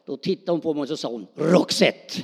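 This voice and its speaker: A middle-aged male preacher with a high voice delivers a lively, spontaneous sermon, throwing questions out to his congregation. His voice rings through a church hall with a long reverb trailing behind each phrase. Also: breathy edge. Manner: animated, spontaneous, calls out to the congregation.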